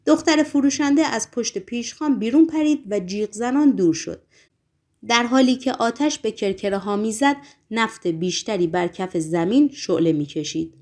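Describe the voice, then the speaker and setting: A woman reading a novel aloud as narrator, measured and expressive. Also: on the high side. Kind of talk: audiobook narration.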